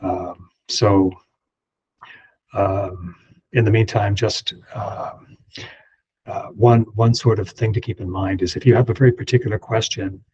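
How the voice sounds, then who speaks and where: A man who is an immigration lawyer, hosting a webinar in an unscripted, halting way with many ums and restarts, heard through a computer mic on a video call. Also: lowish voice, a little mellow, breathy edge, dull audio. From Canada.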